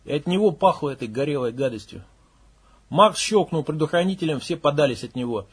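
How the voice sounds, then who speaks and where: A man's voice: on the high side, expressive, a little fast, slightly rough. A man narrating an audiobook in a blunt, coarse manner, with swearing.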